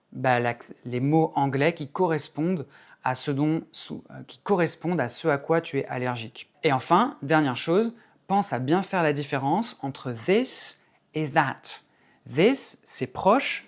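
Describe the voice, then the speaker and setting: A French-speaking man teaching travel English, spelling words out and modelling phrases slowly. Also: a little high. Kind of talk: language lesson.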